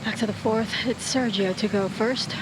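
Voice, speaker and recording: Male golf commentator in loud outdoor noise. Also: sits high, fairly even intonation, normal speed. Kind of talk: live on-course golf commentary.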